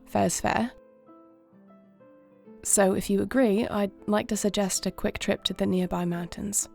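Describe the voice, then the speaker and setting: A woman playing a composed, gentle warrior princess and dragon shifter in an intimate fantasy audio roleplay, speaking formally and with measured care. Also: mid-range voice, fairly even intonation, creaky, soft background music. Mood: courteous, inviting.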